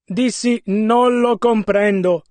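A preacher's sermon comes through a male interpreter who carries it over phrase by phrase, carefully and measuredly. His voice is very high for a man, slow, a little mellow, and fairly even in intonation, and the recording is close and dry.

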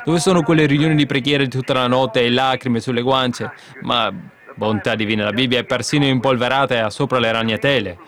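A man delivering a fiery sermon at a middle pitch. He swings between loud, emphatic calls to his listeners and quiet, muttered asides. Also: fairly even intonation, brisk. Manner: fervent preaching with sudden emphatic outbursts and hushed asides. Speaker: preacher.

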